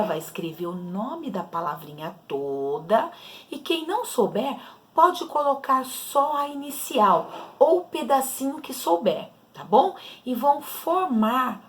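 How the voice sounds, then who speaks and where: A Brazilian woman teaches young children to read, sounding out syllables slowly and carefully. Her pitch rises and falls in a lively, sing-song way. She speaks in a patient, unhurried manner throughout. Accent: Brazilian Portuguese. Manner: slow, patient, explains syllables step by step to children. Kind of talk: children's literacy lesson.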